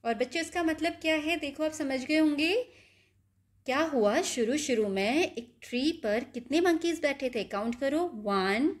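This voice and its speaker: A woman's voice: sits high, moderate pace. A woman teacher, patiently explaining a nursery rhyme to children and asking them questions.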